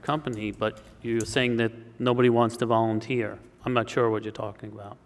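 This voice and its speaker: Board commissioner, pushy pointed questions, long echo of a hall. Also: male voice, on the low side, flat delivery, fairly quick. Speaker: fire commissioner. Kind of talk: public meeting questioning. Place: public meeting room. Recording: long reverb of a meeting hall.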